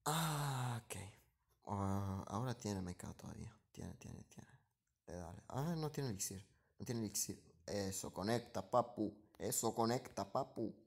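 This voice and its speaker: Excitable man narrating his own gameplay. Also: lowish voice, a little slow, vocal fry. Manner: excitable, repeats short phrases, muttering asides. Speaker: gaming streamer. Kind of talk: live gameplay commentary.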